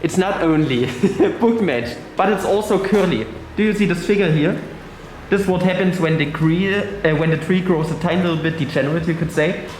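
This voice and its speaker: A somewhat high-voiced man talks through his woodworking project in a casual vlog, eager and quick to exclaim or curse. His voice rings around a bare, very echoey workshop with a faint hum underneath. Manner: excitable, exclaims and swears about the wood. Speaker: woodworking vlogger.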